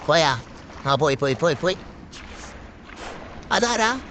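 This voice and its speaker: A man giving live gameplay commentary as a gaming host, excitable and repeating words in quick bursts. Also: on the high side, slight background noise.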